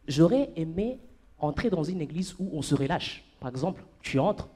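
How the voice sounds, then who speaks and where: Animated young stand-up comedian, lively pitch. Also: male voice, moderate pace. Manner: playful, animated, jumps to falsetto and shouts for gags. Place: comedy club stage. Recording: live club with audience.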